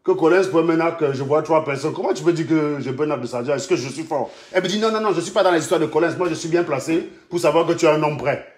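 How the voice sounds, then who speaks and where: A man with a notably high voice hosts a casual live stream. He mocks his callers with crude insults, laughs a lot and hammers the same questions again and again. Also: quick pace, hardly any pauses, darkish tone, breathy edge. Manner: mocking and crude, trading insults and laughing often; repetitive, badgering questions.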